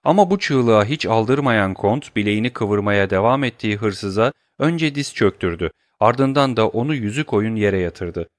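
A man narrating an audiobook in a measured storytelling manner. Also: on the low side, lively intonation, dry recording, clean studio sound.

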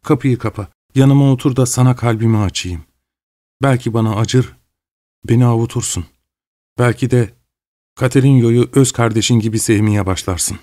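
A man's voice: mid-range voice, moderate pace, dark tone, close to an everyday voice. A man voicing an older, pious mother who speaks with tearful sorrow in a read-aloud story. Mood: sorrowful.

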